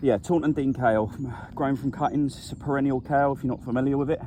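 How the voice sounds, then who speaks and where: A man's voice: medium pitch, fast, slight background noise. Easygoing man talking on a farm. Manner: chatty, relaxed, explains as he works. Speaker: vegetable grower. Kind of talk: casual farm vlog narration. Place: outdoors on a vegetable farm.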